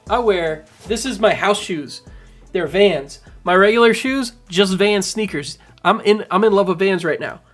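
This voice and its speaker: A man in his thirties doing casual livestream commentary from home on a boom mic, rambling and animated, full of fillers. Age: 30s. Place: home room. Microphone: studio mic on boom arm.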